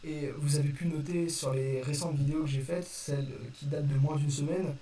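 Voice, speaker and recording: A man's voice: on the high side, steady tone, brisk, mellow. Young man, roomy distant recording. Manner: hesitant, apologetic, explanatory, self-correcting. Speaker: video creator addressing viewers. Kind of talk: casual unscripted vlog explanation. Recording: distant roomy mic with faint noise.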